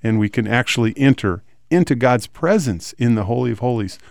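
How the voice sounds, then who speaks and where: A man's voice: medium pitch, animated, a little fast, vocal fry, a little mellow, no echo, clean studio sound. A man hosting a Bible discussion, enthusiastically quoting and explaining scripture. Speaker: radio show host. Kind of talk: conversational Bible teaching.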